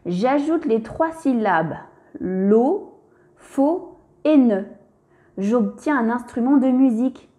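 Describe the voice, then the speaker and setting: A woman narrates a reading lesson for small children at a very slow, careful pace, sounding out each letter and syllable. Her voice is mellow and fairly high, and she speaks straight to the child. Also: animated. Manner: addresses a young child directly and gently.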